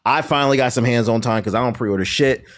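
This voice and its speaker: A man's voice: medium pitch, fast talker. A man hosting a podcast in a casual, profanity-sprinkled conversational way. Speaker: podcast host.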